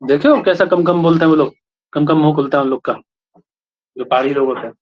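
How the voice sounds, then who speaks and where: Fast and fairly high-pitched, an Indian man teaches a class, explaining points and checking in with students using short questions. The classroom lecture was recorded in lo-fi.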